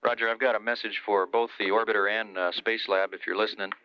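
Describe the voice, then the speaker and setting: A man's voice: fairly low pitch, little pitch movement, fast, slight background noise. A man working as a mission control communicator, passing procedural messages over a radio. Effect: heard over a radio. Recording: slightly dull radio transmission.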